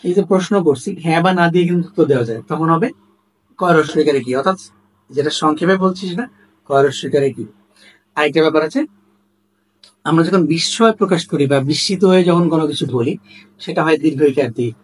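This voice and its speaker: A man's voice: on the high side, quick pace, pauses often, slightly rough, rough recording. Emphatic man explaining. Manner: emphatic, repeats examples as questions. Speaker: language teacher. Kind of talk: explanatory lesson to camera.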